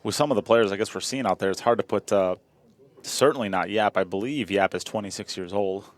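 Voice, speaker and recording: A man's voice: on the low side, a little fast. Chatty man commentating pool. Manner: chatty, repeats himself, joking. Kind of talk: live sports commentary.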